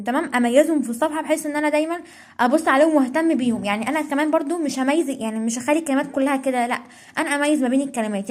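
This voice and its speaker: A young woman with an Egyptian Arabic accent giving casual study tips as a tutor while writing, checking in with "okay?" constantly and correcting herself as she goes. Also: high voice.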